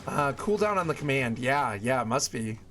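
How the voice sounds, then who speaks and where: A chatty male streamer talks casually to his viewers as he plays, in a mid-pitched voice. His talk is family-friendly and full of small exclamations, with faint game music behind him. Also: expressive, moderate pace, fairly bright tone. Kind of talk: casual live stream chat while gaming.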